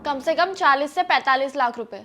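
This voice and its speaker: A woman's voice: sits high, brisk, bright, forceful tone, soft background music. A young woman acting as a thrifty wife who firmly lectures her husband about saving money in a scripted family skit. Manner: firm, persuasive, lecturing.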